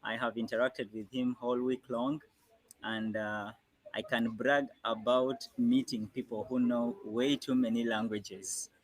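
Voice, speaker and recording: Male host, live online call, lots of "um" and "uh", mid pitch. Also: level tone, a little slow, poor audio. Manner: hesitant, with many fillers.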